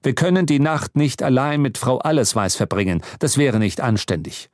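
A man's voice: mid-range voice, expressive, a little mellow, dry recording, clean studio sound, close to an everyday voice. A man doing a bossy head wizard. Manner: brisk, commanding.

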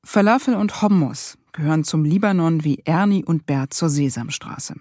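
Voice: mid-range voice, moderate pace, darkish tone, dry recording. An author reading their own memoir aloud in the first person, with a dry, wry sense of humor.

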